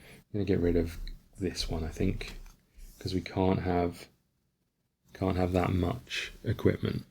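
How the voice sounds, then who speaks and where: Low male voice, relaxed host of a solo board game playthrough who reads the rules and thinks aloud. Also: measured pace, vocal fry, pauses often, slight background noise. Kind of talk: casual tabletop playthrough.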